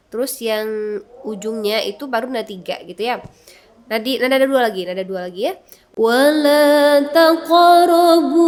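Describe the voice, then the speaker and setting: A woman teaching Quran recitation melody, explaining softly and then singing verses louder and higher as examples. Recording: echoey room with long reverb.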